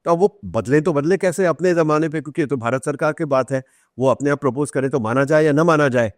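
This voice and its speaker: A man with an Indian accent and a fairly high voice speaks briskly as an author guesting on a podcast, in a dry, studio-quality recording with no echo. He tells stories conversationally, explains things, acts out quoted remarks, and switches between Hindi and English.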